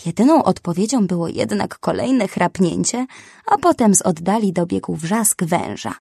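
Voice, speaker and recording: A woman narrating a children's storybook in an expressive, unhurried way. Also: medium pitch, creaky, slightly rough, no room sound, studio quality.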